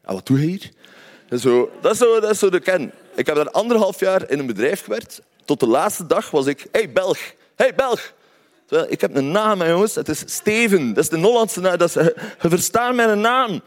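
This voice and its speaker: Brief: Flemish man, personal storyteller, lively up-and-down voice, chatty tone. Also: sits high, fairly quick, few pauses. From Belgium. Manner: conversational, often adds tag questions.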